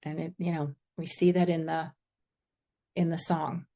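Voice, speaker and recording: A woman with a slightly low voice shares her faith story in a group. She talks earnestly and haltingly and often breaks into laughter. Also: flat delivery, warm tone. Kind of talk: personal testimony in group discussion.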